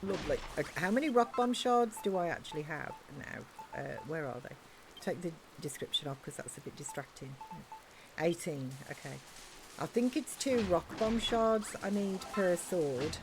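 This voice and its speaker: Against background noise, a woman with a lowish voice and lively intonation talks at a moderate pace. She's streaming a game, casually chatting and rambling through stories full of regional slang.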